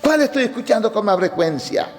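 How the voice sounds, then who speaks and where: Male pastor, emphatic sermon, high voice, echoing church hall. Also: expressive, brisk, soft background music. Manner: emphatic preaching with rhetorical questions.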